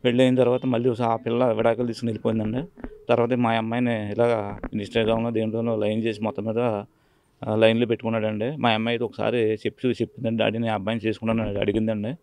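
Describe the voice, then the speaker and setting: A man with a Telugu accent talks quickly, with a gravelly, fry-laden voice. His delivery stays flat and matter-of-fact. His pitch sits somewhat low. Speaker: father of the victim. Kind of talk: news interview.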